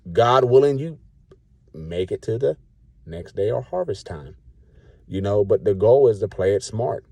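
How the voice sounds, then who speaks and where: A man's voice: medium pitch, warm tone, no echo, studio quality. A man in his late thirties giving a blunt, colloquial, preachy rant to the camera. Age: 30s. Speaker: vlogger.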